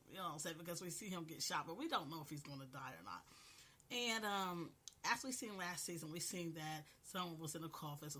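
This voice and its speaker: A woman's voice: fairly low pitch, fairly bright tone, breathy edge. A woman with a cold recapping a TV episode in a casual, chatty way, often saying "you know what I'm saying.". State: has a cold, coughing. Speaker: podcast host reviewing a TV episode.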